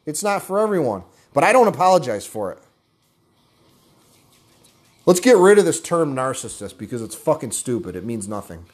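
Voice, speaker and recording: A man's voice: mid-range voice, sing-song, moderate pace, pauses often, breathy edge. A man giving an intense, profane motivational rant, blunt and angry, calling his listeners guys. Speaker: motivational speaker.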